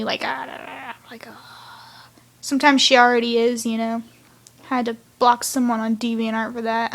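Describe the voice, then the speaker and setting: A woman with a slightly high, gravelly, somewhat bright voice rambles through a casual review of a cartoon episode. She's chatty, with sighs and side remarks.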